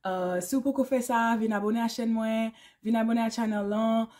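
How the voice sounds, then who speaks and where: A YouTuber in her thirties from Canada, with a Québécois French accent, talks casually to camera in a vlog and mixes English words into her speech. Her voice is on the high side, steady and warm, and she talks fast.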